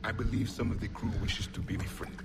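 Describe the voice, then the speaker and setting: An actor playing a stern, ancient male alien warrior in a video game, with a formal, cold, measured way of speaking, heard through fuzzy distortion from a faulty recorder. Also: lowish voice, fairly even intonation. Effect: fuzzy distorted game audio capture. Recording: loud fuzz and noise from a faulty recorder.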